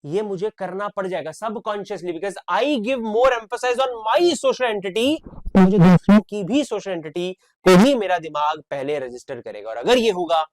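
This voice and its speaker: A young man from India who teaches an online exam-prep lecture, talking with lively emphasis and mixing in English. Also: high voice. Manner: animated, emphatic, switches between Hindi and English.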